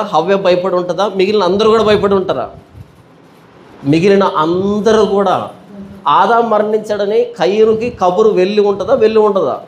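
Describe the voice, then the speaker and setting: A male pastor teaching a Bible study sermon, asking rhetorical questions and repeating them, with everyday storytelling examples. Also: high voice.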